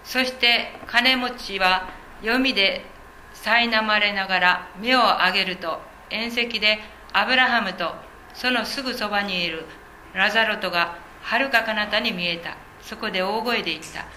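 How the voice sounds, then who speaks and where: A woman reading Bible passages aloud in a steady, measured way during a study class. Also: mid-range voice, reverberant, slight background noise, low-quality recording. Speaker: scripture reader.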